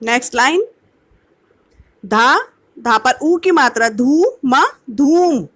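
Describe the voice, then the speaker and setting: A woman's voice: high voice, animated, takes it slowly, a bit bright. A woman teacher giving an online kindergarten lesson, patiently sounding out words syllable by syllable. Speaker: primary school teacher.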